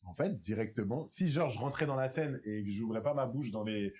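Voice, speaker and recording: A young man, an improv performer, in a casual panel talk, animated and laughing often, with many restarts. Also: medium pitch, a little fast.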